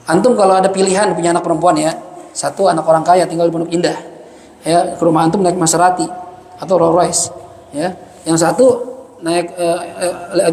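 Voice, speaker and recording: Chatty high-voiced preacher, echoey. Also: male voice, a little mellow, slight background noise. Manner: joking, chatty, reads Arabic then explains it. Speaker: religious teacher. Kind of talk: mosque study lecture. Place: mosque hall. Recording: echoey mosque hall.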